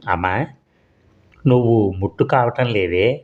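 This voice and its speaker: A man's voice: lowish voice, measured pace, close to an everyday voice. A man reading the lines of a curious, earnest young schoolboy who keeps asking eager questions. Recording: dull lo-fi audio.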